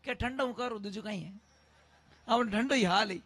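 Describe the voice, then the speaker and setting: Stubborn young village wife, put on by a male preacher, high voice, rustic dialect. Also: normal speed, a bit bright, no echo. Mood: defiant.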